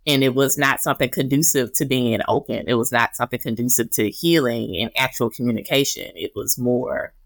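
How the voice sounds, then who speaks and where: A woman guest on a podcast in casual chat, reflective and laughing softly between thoughts. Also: a bass voice, brisk, vocal fry, few pauses, dry recording, studio quality. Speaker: podcast guest, author and speaker.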